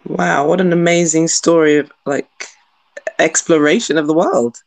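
A woman's voice: low-pitched, fairly even intonation, moderate pace, no room sound. A woman hosting a podcast interview, introducing her guest and asking questions with friendly, enthusiastic reactions. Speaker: podcast host and lecturer.

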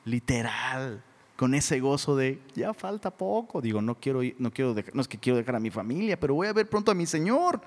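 A middle-aged Mexican man preaching a sermon in a casual, animated way, often calling listeners "bro.". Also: medium pitch, a little fast. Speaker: pastor. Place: church hall. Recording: long hall reverb.

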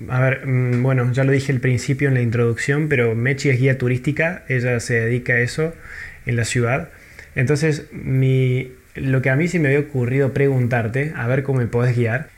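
Male interviewer, friendly. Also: mid-range voice. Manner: friendly, short back-channel replies and laughs. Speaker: interviewer, host. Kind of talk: casual interview.

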